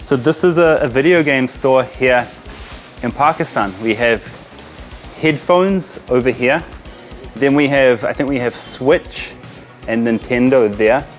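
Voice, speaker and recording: A man's voice: medium pitch, measured pace, faint music behind. An enthusiastic, chatty man from New Zealand vlogging casually on location, mixing in Urdu greetings and interjections. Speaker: vlogger, host. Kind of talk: casual on-location vlog commentary. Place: inside small game shops in a Pakistani market.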